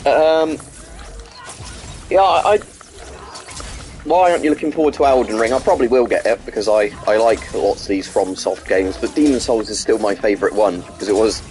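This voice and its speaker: Heard through poor audio, a male gaming streamer talks at a normal speed, his voice on the low side and a little mellow. His live commentary is loose and rambling, mixing replies to chat with gameplay notes, and he hesitates constantly with ums and restarts. He has a blocked nose and a slightly sore throat.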